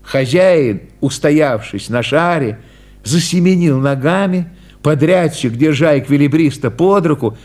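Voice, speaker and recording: A man reading a story aloud at an unhurried pace, voicing the characters in dialogue. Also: medium pitch, darkish tone.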